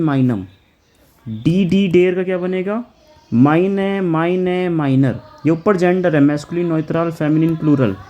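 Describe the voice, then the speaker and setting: A man's voice: a little high, warm tone. A man teaching German for an exam, explaining each answer step by step, chanting article tables aloud and reading English questions.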